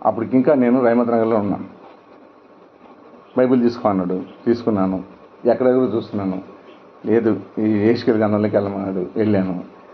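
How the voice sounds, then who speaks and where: A man's voice: fairly low pitch, fairly even intonation, fairly quick, long pauses. A middle-aged male pastor preaching a sermon with emphatic rhetorical questions. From India. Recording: dull lo-fi sound with faint noise.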